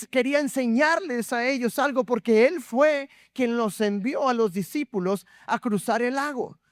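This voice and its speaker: A man's voice: very high voice, dry recording, studio quality. A man preaching a sermon, reading scripture aloud and putting questions to the congregation. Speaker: pastor.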